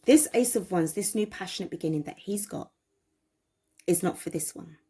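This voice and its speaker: A woman's voice: lowish voice, moderate pace, dark tone, slightly rough. A woman giving a tarot reading, talking emphatically, repeating phrases and asking viewers questions. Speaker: tarot reader.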